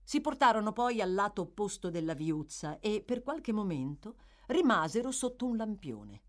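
A woman narrating a classic novel as an audiobook, with expressive, dramatic storytelling. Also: mid-range voice, normal speed. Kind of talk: scripted literary narration.

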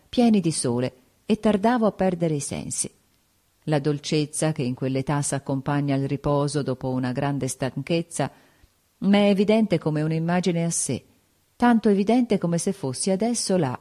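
Woman narrator, measured literary audiobook read, low and mellow. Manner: measured, unhurried storytelling.

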